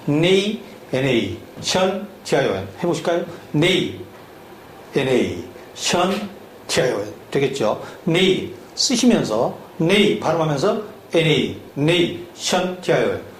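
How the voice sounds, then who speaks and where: A man teaching a lesson, drilling spelling syllable by syllable and asking the listener questions as he goes. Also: fairly high pitch. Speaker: English teacher. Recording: echoey room with faint hum.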